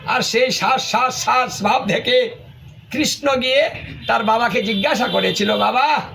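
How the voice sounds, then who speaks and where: A man's voice: very high voice, moderate pace, vocal fry, bright, forceful tone, slight background noise. A male preacher giving a devotional sermon, emphatic and full of rhetorical questions.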